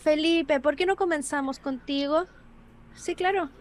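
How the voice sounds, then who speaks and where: A woman giving a live interpreted voice-over of an online panel, briskly and with small word restarts and self-corrections. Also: high voice, slight background noise.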